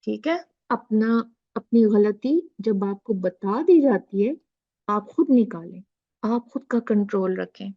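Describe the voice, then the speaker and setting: A woman teaching Quran recitation rules in an online lesson, patiently repeating words slowly and switching between drawn-out recitation and quick explanation, with a sore throat. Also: medium pitch, expressive, muffled recording.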